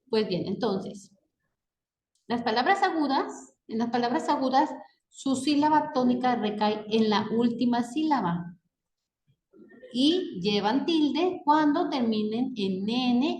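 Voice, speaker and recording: A woman's voice: a little high, a little mellow. A woman teaching a grammar lesson, patient and checking in with the class after almost every point. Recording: echoey room.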